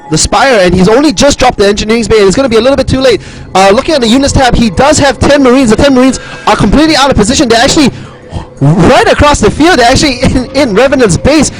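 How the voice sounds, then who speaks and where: A young man casting a strategy game match alone, rambling excitedly with many restarts and fillers, out of breath after a big fight. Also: high voice, low-quality recording. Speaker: esports caster. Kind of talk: solo play-by-play game commentary.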